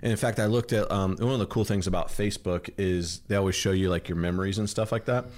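A man's voice: low voice, steady tone, fast, darkish tone. A man hosting a podcast from his kitchen, chatting and telling stories in a rambling way. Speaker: podcast host. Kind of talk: casual chat. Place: home kitchen.

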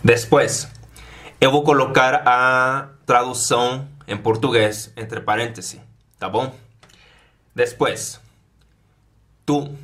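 Man, very slow, mid-pitched, repeats words clearly, language drill. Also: fairly even intonation, a bit bright. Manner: repeats each word slowly, clearly enunciated. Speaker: Spanish teacher. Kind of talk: vocabulary drill lesson.

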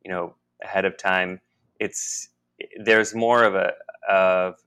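A man co-hosting a podcast, talking in a halting, musing way with many restarts. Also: low voice, steady tone, fairly bright tone, smooth. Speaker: podcast co-host. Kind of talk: casual spiritual conversation.

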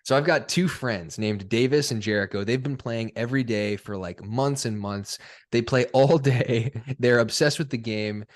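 A man's voice: medium pitch, moderate pace. A young man hosting a casual podcast chat, laid-back and chatty, laughing often. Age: young adult. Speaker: podcast host.

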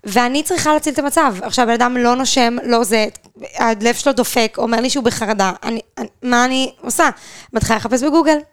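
A woman's voice: fairly high pitch, smooth, no room sound, clean studio sound. A young woman co-hosting a podcast, telling a story in casual chat and acting out the voices of the people in it. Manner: animated storyteller, quotes herself and others in dramatic voices. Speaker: podcast co-host.

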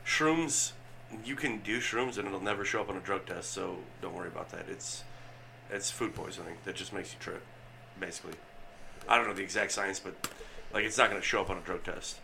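A man's voice: deep voice, fairly quick, gravelly, background noise. A man co-hosting a casual podcast chat, talking bluntly with crude jokes. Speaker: podcast co-host.

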